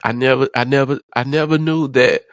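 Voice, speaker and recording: Man vlogger, emotional personal story, near tears, halting delivery with repeated words, plain mid pitch, dry close sound. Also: fairly even intonation, dry recording.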